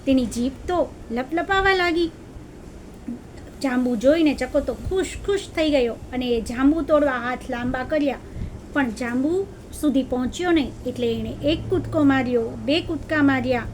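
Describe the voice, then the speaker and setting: A woman narrating a children's story in an expressive, lively way. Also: sits high, normal speed, a little hiss or hum.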